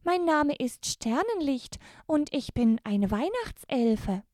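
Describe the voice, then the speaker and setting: A tiny Christmas elf from a storybook, with a very high, bright voice and formal, courtly manners, polite yet urgent, as a woman reading aloud puts her on. She speaks slowly and clearly, and the sound is close and dry. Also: sing-song, no echo, heavily acted. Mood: earnest.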